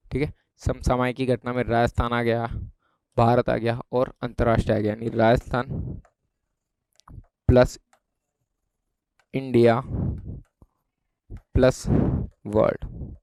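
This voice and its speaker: A man's voice: medium pitch, a little mellow, clean tone, dry recording. Chatty Rajasthani Hindi male teacher. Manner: chatty, keeps checking with students. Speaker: exam prep teacher. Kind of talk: informal exam lesson.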